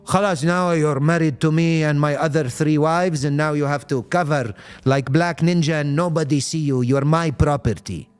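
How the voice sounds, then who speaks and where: A smug, controlling husband, as a preacher mocks him drawls his words slowly and dismissively. The voice stays close to the speaker's own, a touch high for a man. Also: clean tone, close to an everyday voice. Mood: mocking. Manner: slow, dismissive, mocking.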